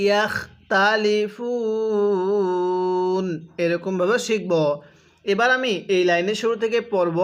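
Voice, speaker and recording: A man with a Bangladeshi Bengali accent teaching Quran reading, drawing out each word slowly and asking students to repeat after him. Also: high-pitched. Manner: slow, drawn-out syllable-by-syllable recitation for students to repeat. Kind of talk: recitation lesson.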